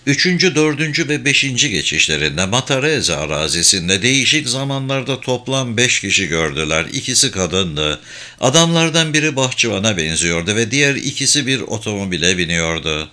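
A man reading a thriller audiobook aloud in a steady, measured manner. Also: on the low side. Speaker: audiobook narrator. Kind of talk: scripted audiobook narration.

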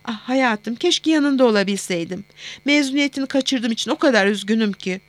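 Woman doing a gentle, soothing mother, raised and fairly high voice, dry close sound. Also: lively intonation, a little fast, no echo, natural voice. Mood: fond worry. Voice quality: soft, soothing. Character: warm doting middle-aged mother on the phone. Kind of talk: audiobook character voice.

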